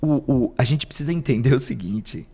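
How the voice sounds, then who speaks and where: A man's voice: medium pitch, a little fast, vocal fry, mellow, slightly rough, in a large hall. A man hosting a parenting podcast, speaking emphatically with frequent rhetorical questions. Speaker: psychoanalyst host. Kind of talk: podcast discussion.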